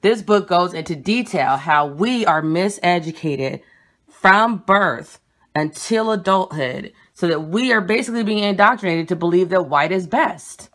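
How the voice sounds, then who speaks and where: A young vlogger shows off books in a casual home video, speaking into a phone held at arm's length in a small room. She talks quickly and bluntly in a low, fairly bright voice, animated and emphatic, slowing down when she wants to press a point.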